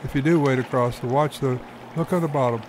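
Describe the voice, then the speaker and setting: A man's voice: mid-range voice, fast talker, background noise. Easygoing man narrating fishing footage. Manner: easygoing, folksy explaining. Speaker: fly-fishing guide and host. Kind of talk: narrating his own fishing video.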